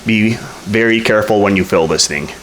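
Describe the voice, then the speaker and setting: A man's voice: on the low side, a little fast, noisy background. A man casually reviewing a product at home, talking in a blunt, frank and slightly exasperated way. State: out of breath after punching. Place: home room with hardwood floor.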